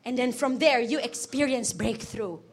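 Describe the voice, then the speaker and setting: A woman in her twenties preaching a sermon with energetic, animated delivery, telling stories with laughter and sudden loud bursts. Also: on the high side, measured pace, a little hiss or hum. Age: 20s. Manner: storytelling with laughs and acted-out quotes.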